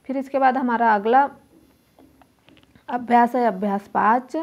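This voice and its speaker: Slow, patient woman teaching letters. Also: on the high side. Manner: slow, patient, sounds out each letter aloud. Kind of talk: primary school lesson walkthrough.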